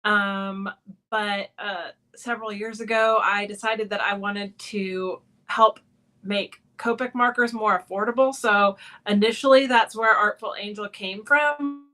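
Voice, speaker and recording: Bright-voiced woman guest from Texas. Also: mid-range voice, steady tone, a little slow. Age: 40s. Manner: friendly, laughing, with fillers. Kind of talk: interview answers.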